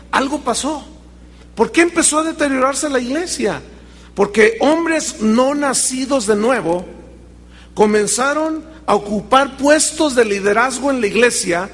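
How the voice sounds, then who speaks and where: High-voiced pastor preaching in a big hall. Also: male voice, slightly rough. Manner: dramatic storytelling, acting out quoted voices. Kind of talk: sermon.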